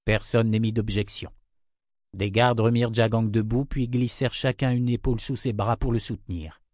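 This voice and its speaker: A man reading a fantasy audiobook in a measured, steady narration. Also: mid-range voice, no room sound, studio quality.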